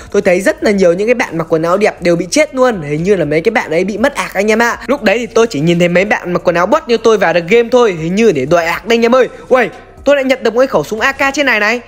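Man, gaming narrator, high-pitched, fast, chatty, talks to viewers. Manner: chatty, addresses viewers as brothers. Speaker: gaming YouTuber. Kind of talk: narrating a game horror story.

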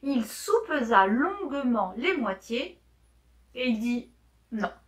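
Woman reading a kids story real slow and clear, voice sits a bit high. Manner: clear, deliberate, gently expressive. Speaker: storyteller for French learners. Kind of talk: slow read-aloud of a children's story.

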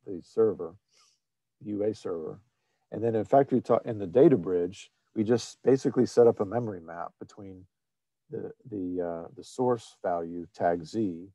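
Male webinar presenter, mellow dry voice, halting delivery with frequent fillers. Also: fairly low pitch, dry recording. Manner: halting, many fillers and restarts. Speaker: presenter of an online technical seminar. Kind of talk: screen-shared webinar presentation.

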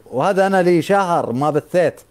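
A man's voice: high-pitched, animated, brisk, darkish tone. A man, a live streamer taunting his rival and urging his viewers on in a boisterous stream battle.

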